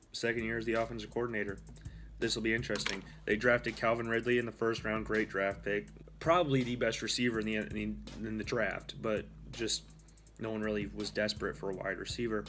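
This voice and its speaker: A young man hosts a casual solo sports talk show, rambling along with fillers and correcting himself as he goes. His voice is fairly low and a bit bright.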